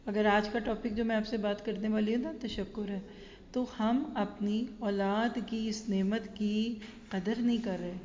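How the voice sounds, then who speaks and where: A woman's voice: medium pitch, steady tone, a little mellow, a little hiss or hum. A woman Islamic teacher giving an earnest religious lecture, telling stories and speaking directly to her audience. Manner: earnest, storytelling, addresses listeners directly. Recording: echoey hall, dull sound.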